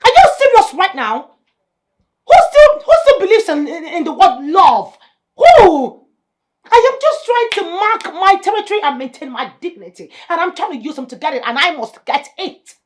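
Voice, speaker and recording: A haughty, scheming wife, possessive and scornful. Her voice sits fairly high and swings widely as she mocks, climbing into sharp outbursts. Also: expressive, a little fast, hardly any pauses. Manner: mocking, sharp-tongued, rising to shouts. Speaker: estranged wife.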